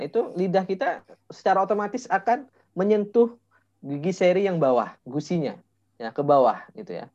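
A male Quran recitation teacher coaching a student one-on-one, patiently demonstrating sounds slowly and filling pauses with "eh". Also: a little high, a little mellow. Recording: dull lo-fi voice message audio.

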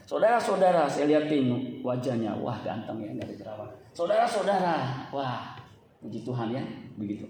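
A man with a fairly high voice delivers a sermon as pastor, teaching earnestly but breaking into humorous, colloquial asides. His voice booms around a strongly reverberant church hall. Faint room noise sits beneath it. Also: darkish tone.

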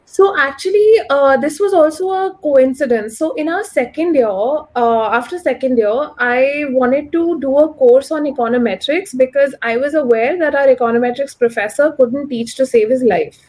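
Here a roughly thirty-year-old economist, interviewed as a guest, talks at a normal pace with few pauses in a high voice that has a darkish tone. Her accent is a posh, educated urban Delhi Indian English one. She offers articulate, opinionated answers, often dropping in "like" and "you know."

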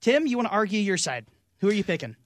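A man's voice: sits high, very animated, quick pace, dry recording. A man hosting a podcast, moderating a casual chat and handing turns to the others. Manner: moderating, hands over turns. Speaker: podcast host.

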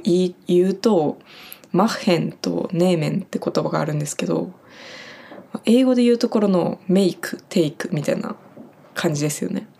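A young Japanese woman from Japan who works on a farm gives a casual spoken lesson on German words she uses at work, friendly and chatty with lots of fillers. Her voice is on the low side and warm, with some vocal fry.

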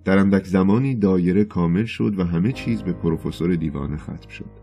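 A man reading a novel aloud in measured, scripted audiobook narration. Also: low voice, creaky, mellow, faint music behind.

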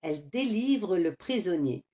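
A woman narrating an animated children's series in a gentle, measured storytelling manner. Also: on the low side.

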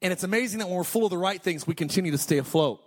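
A man in his thirties delivers a sermon in a high, bright-edged voice. He preaches with energy, stacking repeated declarations and slipping in quick joking asides before driving his point home. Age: 30s. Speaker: pastor.

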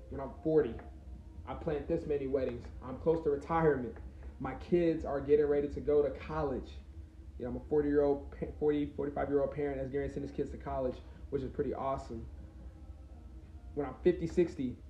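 A man in his twenties, around twenty, hosts a casual solo podcast, rambling reflectively with plenty of fillers and restarts. His voice is a little high, with slight background noise, in a roomy, slightly dull recording.

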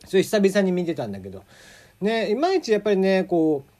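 A man from Kagoshima with a mixed Kagoshima and Hakata accent, hosting a casual solo podcast, chatty with lots of fillers. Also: a little fast. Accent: mixed Kagoshima and Hakata dialect. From Kagoshima, Japan. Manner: chatty, many fillers, lively pitch swings. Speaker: podcast host. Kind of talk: casual solo radio talk.

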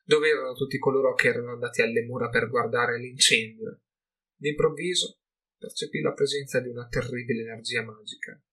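A man's voice: mid-range voice, fairly even intonation, bright, forceful tone, breathy edge. Man narrating a fantasy audiobook. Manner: measured, dramatic storytelling. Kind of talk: scripted narration.

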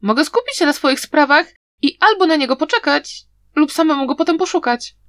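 A woman reading an audiobook, voicing a clever, playful young man who talks in a teasing, lively way. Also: sits high, brisk, no echo, pitched above the performer's own voice.

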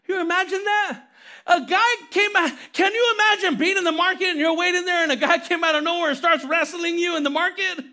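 A man preaching a lively, conversational sermon as pastor, telling stories animatedly and calling for amens. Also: extremely high pitch, a little fast. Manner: animated storytelling, calls for amens.

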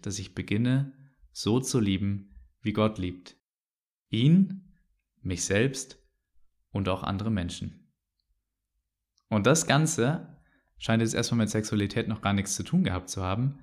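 A man's voice: medium pitch, a little mellow. A man giving an earnest, reflective devotional teaching monologue, stressing key phrases.

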